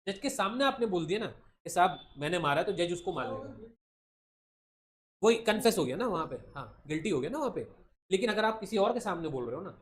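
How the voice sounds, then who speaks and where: A fast-talking Indian man with a high voice teaches law to a classroom of students as a law entrance coaching teacher. His lecture is in Hindi mixed with English legal terms, and he's joking and animated, calling students "beta" and adding tag questions like "thik hai."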